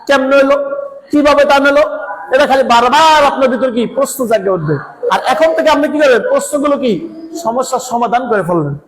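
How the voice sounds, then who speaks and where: High-voiced teacher, echoing room. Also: male voice, quick pace. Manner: asks questions and answers them himself, repeating points. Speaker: Quran reading teacher. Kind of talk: classroom-style lesson.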